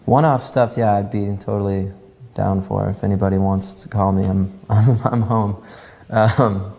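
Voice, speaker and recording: A man answering interview questions casually, with frequent ums and pauses. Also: on the low side, gravelly. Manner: relaxed, many ums and pauses. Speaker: musician interviewee. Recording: long reverb.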